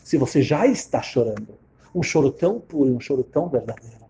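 A man voicing a grieving elderly woman who survived the Holocaust, speaking slowly and earnestly to console someone. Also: mid-range voice, animated, mellow, slight background noise, natural voice.

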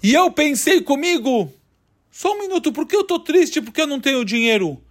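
A man's voice: very high voice, big pitch swings, fairly quick, pitched above the performer's own voice. A man acting out a poor, sorrowful man who pleads and frets in a children's story. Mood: pondering. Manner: pleading, tearful.

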